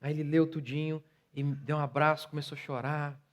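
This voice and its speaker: Brazilian pastor in his forties, slightly high voice, preaching with rising passion. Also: a little fast. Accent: Brazilian Portuguese. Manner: builds from calm storytelling to loud impassioned preaching. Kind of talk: sermon.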